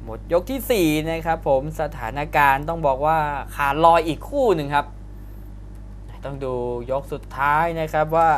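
A man's voice: on the high side, fairly even intonation, normal speed. A man giving live Muay Thai commentary in an exclamatory way, reacting to each strike. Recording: broadcast with arena crowd noise behind. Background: faint fight-arena ambience.

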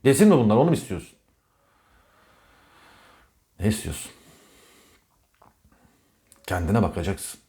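A man's voice: on the low side, a little mellow. Emphatic man lecturing on zodiac signs. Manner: emphatic and repetitive, scolding the listener directly. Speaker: astrologer. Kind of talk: casual monologue on zodiac signs.

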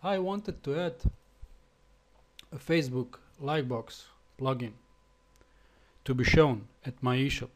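Halting, restarting, and leaning on fillers, a Slovenian man talks through a screencast tutorial in English, his second language, with a Slovenian accent. The web developer has a mid-range voice.

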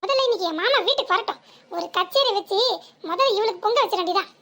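A woman voicing a sharp-tongued young village wife in a comic cartoon, with a southern Tamil village accent and a scolding, sarcastic manner. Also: very high-pitched. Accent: southern Tamil village dialect. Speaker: cartoon character.

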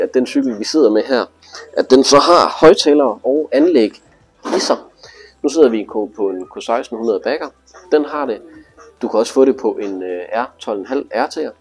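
Speaking at medium pitch with a darkish tone, a male instructor demonstrates a motorcycle display. He explains each step informally, like a relaxed hands-on lesson.

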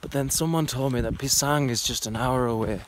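A man's voice: medium pitch, brisk, a little hiss or hum. Chatty man vlogging a mountain hike. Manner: chatty, self-deprecating, rambling. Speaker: trekking vlogger. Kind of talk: casual vlog narration while hiking. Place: outdoors on a mountain trail.

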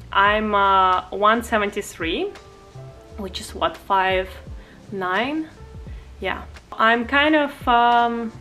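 Bright-voiced young Russian-accented woman. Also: mid-range voice. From Far East Russia. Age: 20s. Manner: chatty, frequent "um" and "like", light laughs. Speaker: vlogger. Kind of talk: casual Q&A to camera. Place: bedroom, indoors. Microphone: camera at close range.

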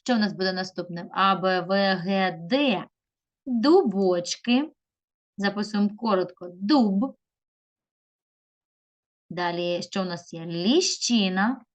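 A woman teaching a video lesson to young pupils, drawing words out slowly and calling them children. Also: medium pitch, lo-fi sound. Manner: slow, drawn-out stressing of words; addresses pupils warmly as children. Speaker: primary school teacher.

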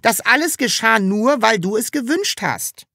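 A woman voicing a cheeky, stubborn, childlike magical creature in an audiobook, with a high, bright voice and an insistent, excitable way of talking. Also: unhurried, gravelly, dry recording, studio quality, heavily acted. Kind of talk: audiobook character reading.

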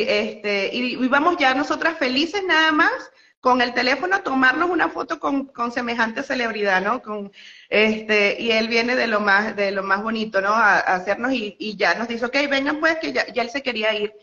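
A woman's voice: on the high side, normal speed, pushed and bright, lo-fi sound. A young woman from Venezuela with a Venezuelan Spanish accent, telling a story as an interview guest with lots of fillers and laughter. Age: young adult. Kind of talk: casual phone interview storytelling.

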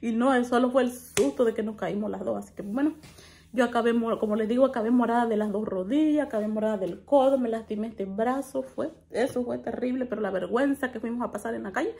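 Brief: woman, 30s, higher voice, animated vlog storytelling at home to a phone camera. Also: quick pace, creaky. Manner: animated, laughs often while telling a story. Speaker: family vlogger. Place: small room at home, indoors.

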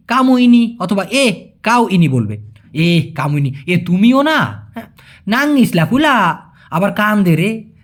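A language teacher, acting out short dialogues and then repeating and explaining each phrase word by word. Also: mid-range voice. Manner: acts out short dialogue lines in shifted voices. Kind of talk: explaining a role-played dialogue.

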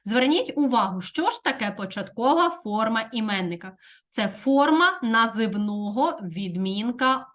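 A woman teacher leads a grammar lesson for young pupils. She speaks at an unhurried, dictating pace, spelling things out word by word. Her voice sits a little higher than most women's. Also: a bit bright. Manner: slow, deliberate dictation with clear enunciation. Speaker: primary school teacher. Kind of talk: Ukrainian grammar lesson for fourth graders.

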